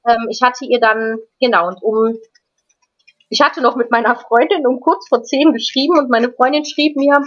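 A woman guest recounts a personal experience in casual, unscripted talk. Her voice sits a little high, and she often stops and repeats words before going on. The recording sounds slightly muffled and lo-fi. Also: fairly even intonation. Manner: halting, frequent restarts and repeated words. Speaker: interview guest. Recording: dull lo-fi recording.

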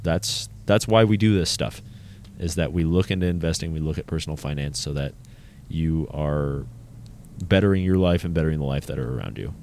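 A man co-hosts a personal finance podcast, chatting casually in a very deep, slightly mellow voice at a fairly quick pace. He jokes, pokes fun at himself, and rambles with restarts. A little hiss or hum is audible.

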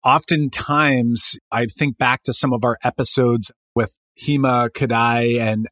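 A man's voice: mid-range voice, steady tone, unhurried, fairly bright tone, dry recording, studio quality. A man hosting a podcast, asking his guests upbeat, curious questions. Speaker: podcast host. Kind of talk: podcast interview.

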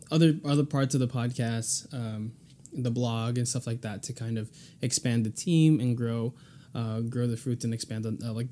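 A man's voice: mid-range voice, dark tone. A young man hosting a podcast in casual, chatty talk, recorded in an echoey apartment room. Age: young adult. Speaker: podcast host. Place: echoey room in a new apartment, makeshift studio. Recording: echoey room, music behind.

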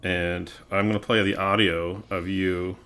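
A young man hosting a podcast in casual chat, rambling with many fillers and getting loud when emphatic. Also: sits low, flat delivery, a little slow. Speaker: podcast host.

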